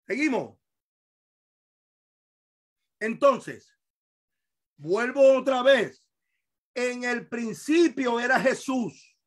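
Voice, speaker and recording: A man preaching and teaching a Bible study to his congregation in Spanish. He repeats key words, quizzes his listeners and swings between hushed asides and shouted emphasis. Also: very high voice, animated, drawn-out words, pauses often. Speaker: pastor. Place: church hall.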